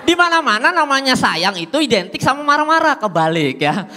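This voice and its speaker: A man performing an absurd stand-up comedy set on stage, excitable and breaking into shouts. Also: very high-pitched, fairly quick. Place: stage before a live audience. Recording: live stage with crowd and noise.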